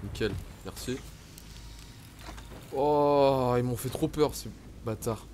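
A young man from France giving excitable, swearing commentary while playing a game, shouting in panic at times. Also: medium pitch, slow pace, background noise. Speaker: gaming YouTuber. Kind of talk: let's play commentary.

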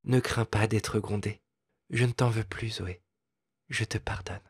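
A man doing a gentle, coaxing young lady. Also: on the low side, fairly even intonation, a little slow, slightly rough, dry recording, studio quality, heavily acted. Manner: soft, coaxing, tactful. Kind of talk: storybook reading.

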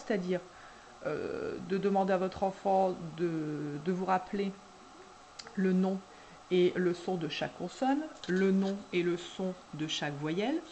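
A woman preschool teacher guiding parents through a syllable dictation, speaking slowly and deliberately and drawing out each syllable. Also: mid-range voice, darkish tone, a little hiss or hum. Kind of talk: instructional video for parents.

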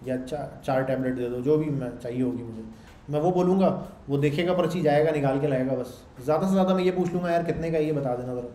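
A man teaches a class in a loud, conversational way, often stopping to check that students are following. His voice sits a little high but sounds mellow and dark. The recording carries the echo of a classroom, with faint noise behind him. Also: quick pace. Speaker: lecturer. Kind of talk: classroom lecture. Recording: echoey room with faint background noise.

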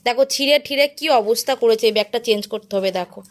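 Chatty woman vlogger with a high voice. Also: very fast. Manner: chatty, addresses viewers directly. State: voice getting hoarse. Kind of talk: casual home vlog.

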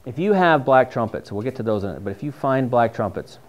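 A far-off camera gives a muffled recording of a middle-aged New England man teaching mushroom foraging in a dim classroom with a projector screen. He talks casually over slides, chatty and enthusiastic, in an animated mid-range voice at a quick pace.

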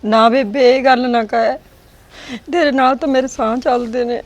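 A woman's voice: fairly high pitch, fast talker, dry recording, lightly acted. A woman playing a devoted, emotional married daughter who talks at length with her old mother in a family drama. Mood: affectionate. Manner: pleading, talkative.

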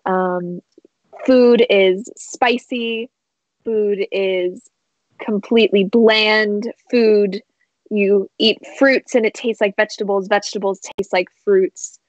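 A woman narrating a tabletop role-playing game as game master, in a relaxed, rambling way with many fillers. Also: mid-range voice, slow pace, dry recording, lo-fi sound.

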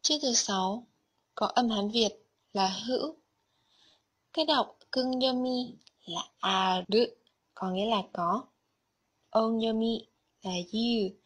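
Slow, breathy woman teaching Japanese vocabulary. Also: fairly high pitch. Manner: slow, careful explanation of vocabulary and kanji. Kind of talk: scripted lesson narration.

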